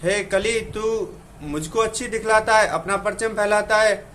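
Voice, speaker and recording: A man's voice: high-pitched, fairly even intonation, unhurried, fairly bright tone, a little hiss or hum. A man reciting verse as a stern, all-powerful male deity, proclaiming in a solemn manner. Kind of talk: recited devotional poem.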